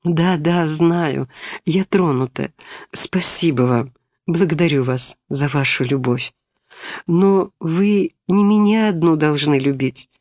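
A man reading the part of a gentle, tearful young woman teacher who speaks softly and tenderly. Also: on the high side, slow pace, no echo, studio quality. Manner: soft, tender.

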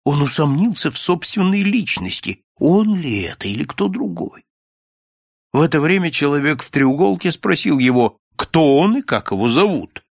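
A man narrating a classic story as an audiobook in an expressive, dramatic reading style. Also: fairly high pitch, moderate pace, creaky, no room sound, studio quality. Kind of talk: scripted literary narration.

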